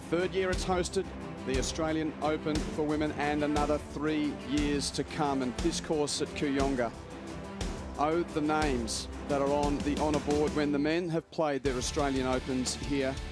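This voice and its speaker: A man's voice: a little high, steady tone, a little slow, music in the background. A man working as a golf commentator, delivering tournament commentary and score updates.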